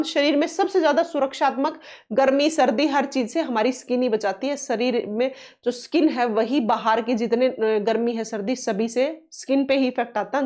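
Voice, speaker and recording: A woman with a high voice teaches a science lesson for exam preparation. She asks questions and answers them herself, hammering home the key terms. She keeps reassuring her students. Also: darkish tone. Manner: coaxing, reassuring tone toward students; reads English question text slowly.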